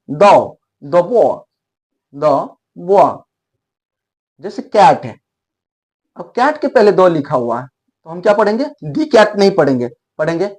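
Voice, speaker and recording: A man gives an explanatory lesson with a lively, wide-ranging pitch that rises and falls as he makes his points. He often repeats a word and drags it out slowly so the learner can hear exactly how it should sound. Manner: repeats and drawls words slowly to demonstrate pronunciation. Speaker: English teacher.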